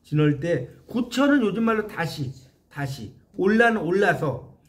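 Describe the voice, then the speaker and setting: High, lively man lecturing a class. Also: a little slow. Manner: animated, questions the class often and explains line by line. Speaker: literature lecturer.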